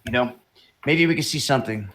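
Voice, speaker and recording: A man's voice: mid-range voice, brisk, background noise. A man hosting a live stream, talking in a rambling, opinionated way about world news and drones, swearing casually. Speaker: livestream host.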